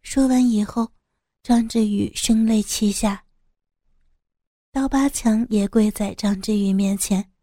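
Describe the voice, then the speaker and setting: Woman, audiobook narrator, mellow warm voice, measured storytelling, dry close recording. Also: mid-range voice, fairly even intonation, dry recording.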